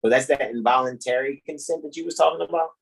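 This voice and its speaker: A man hosting a casual talk, reading out definitions emphatically and pausing to check that listeners follow. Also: medium pitch, vocal fry, husky, low-quality recording. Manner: emphatic, says quote and end quote, checks with "right?". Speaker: host.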